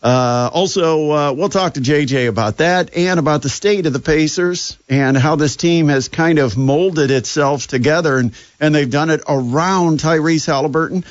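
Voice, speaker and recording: A man's voice: fairly high pitch, moderate pace, few pauses, no echo, lo-fi sound. A man hosting a sports radio show, talking casually with sarcasm and plenty of fillers. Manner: sarcastic, chatty, lots of fillers.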